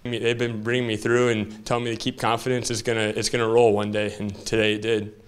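A young man, a college basketball player, answering postgame questions in a modest, slightly halting way. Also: on the low side, little pitch movement, clean tone. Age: young adult. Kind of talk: postgame interview.

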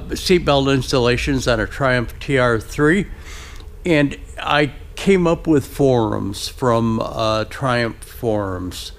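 Man, 50s, unhurried drawl, lots of ums and throat clearing, garage vlog, mid-pitched voice. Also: a little hiss or hum. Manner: halting, many fillers and throat clearing. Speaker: restoration shop owner. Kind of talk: casual shop update vlog. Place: large indoor workshop garage. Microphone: action camera on head or chest.

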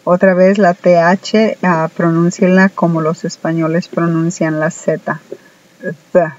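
A woman whose first language is Spanish, teaching an online English lesson slowly and deliberately, often pausing on "ah". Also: lowish voice, flat delivery, darkish tone, highs cut off. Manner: slow, deliberate, many hesitant "ah" fillers.

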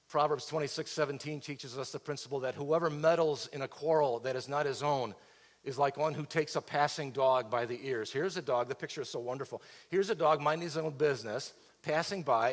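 A middle-aged male pastor delivers an expository sermon with a fairly high voice. He throws rhetorical questions at the congregation as he walks the stage. The sound carries a long reverb from a large church auditorium.

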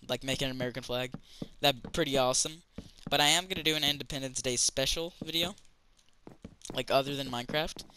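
Slight background noise and a rough recording frame this man's medium-pitched, sharp-toned voice. He hosts a gaming channel, chatting loosely as he plays a building game, his commentary full of fillers and restarts.

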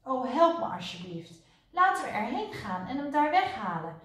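A woman voicing an anxious, indignant young girl in a storybook read-aloud, with a high pleading voice. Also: sing-song, moderate pace, a bit bright, far from the mic. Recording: roomy echo, voice off-mic.

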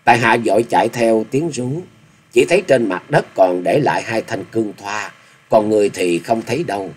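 A man's voice: lowish voice, lively intonation, normal speed, husky. A man voicing a polite but stubborn young male swordsman who gives formal, proud replies. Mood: earnest.

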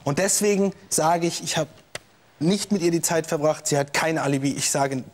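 A man's voice: a little high, moderate pace, close to an everyday voice. An actor playing a jilted young man on the witness stand in a scripted courtroom show, hesitant and full of fillers, flaring into anger. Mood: defensive.

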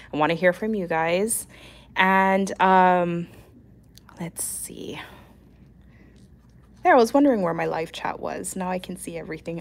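A woman with a deep voice hosts a weekly nail art livestream, sounding nasal, congested and scratchy from a cold. She chats casually and clears her throat now and then.

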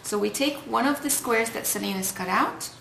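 A woman in her thirties with a slightly high voice walks through a craft project step by step at a moderate pace. She's a mother hosting a casual tutorial from her home dining table, encouraging and praising as she goes. The room has a roomy echo, with clear background noise and clicks.

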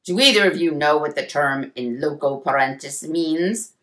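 A woman's voice: low-pitched, moderate pace, a bit bright. A woman voicing a huge, bald, stern male school principal who lectures, in a storybook read-aloud.

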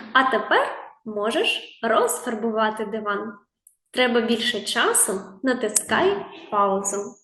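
A slow, patient woman teacher with a Ukrainian accent, drawing out single sounds and praising small children. Her voice sits a little high. It rings in an echoey room. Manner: drawn-out sounds, gentle questions and praise. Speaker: preschool teacher.

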